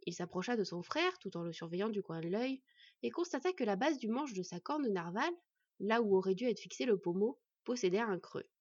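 A woman calmly narrating a fantasy audiobook. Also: mid-range voice, slightly rough, dry recording, lo-fi sound.

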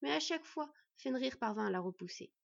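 A woman narrating a fantasy story in a measured storytelling way. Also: high-pitched, lively intonation, gravelly, no room sound. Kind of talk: scripted narration. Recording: dry, slightly dull recording.

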